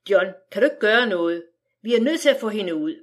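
A woman's voice: mid-range voice, expressive, lightly acted. A woman voicing a distraught, weeping mother from the 1910s who stammers and pleads as she reads a storybook aloud. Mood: pleading.

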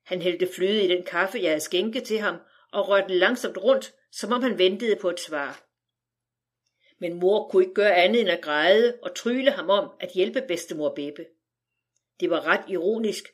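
A woman narrates a first-person audiobook. Her delivery is wry and measured, and she tells the story steadily. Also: mid-range voice.

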